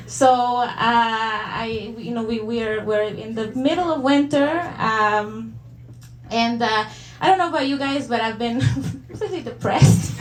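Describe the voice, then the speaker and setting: A young Salvadoran woman with a fairly high voice and a Salvadoran Spanish accent does stand-up at a comedy venue before a live audience. Her delivery is hesitant and self-deprecating, full of fillers and restarts. The room echoes, with audience laughter and slight background noise.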